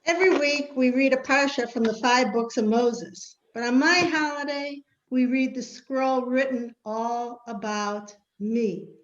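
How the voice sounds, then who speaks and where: Over dull, roomy video-call audio, a woman performs a playful scripted comic monologue for amateur reader's theater, playing a proud, party-loving biblical queen. Her voice is high, her pace measured, and she barely pauses.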